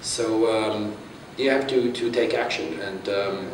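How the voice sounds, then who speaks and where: A man's voice: lowish voice, takes it slowly. A man gives a conference talk in a chatty, self-deprecating way, often restarting his sentences. He sounds distant, and his voice echoes around a large hall. A faint hum of room sound runs under him. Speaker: conference speaker.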